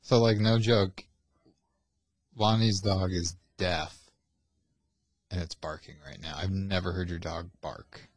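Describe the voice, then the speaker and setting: Podcast co-host: low, husky man, fast reactive quips. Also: steady tone, no echo. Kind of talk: casual banter.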